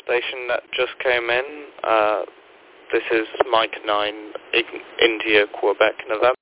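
A man with a low, flat voice answers over a two-way radio, thin and phone-like with a faint hiss behind it. He hesitates often, filling gaps with uhs and ums as he works through call signs. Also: a little slow. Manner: hesitant, with many fillers. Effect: heard over a two-way radio. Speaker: amateur radio operator.

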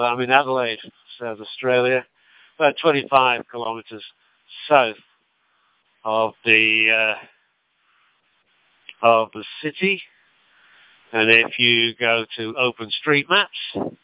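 An older man with a Lancashire accent, an amateur radio operator, chats in an easygoing, halting way, sharing anecdotes and call signs over a two-way radio link. His mid-range voice is smooth and the recording dry, picked up by a radio transceiver microphone through a phone-like digital radio gateway.

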